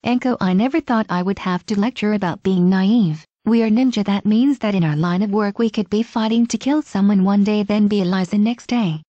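A woman's voice: mid-range voice, fairly quick, hardly any pauses, warm tone, no echo, lo-fi sound, lightly acted. Woman reading as a stern old village leader. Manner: curt, commanding.

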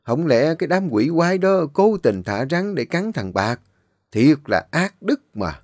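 A man's voice: fairly high pitch, big pitch swings, a little mellow, no echo, clean studio sound, voice pushed up. Man doing a shrewd suspicious old woman. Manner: slow, probing, stammering when shocked.

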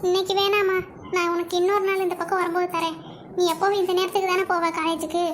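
A woman voicing a meek, tearful middle-aged aunt in a cartoon, speaking softly and submissively. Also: very high voice, flat delivery, slight background noise. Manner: soft, slow, submissive.

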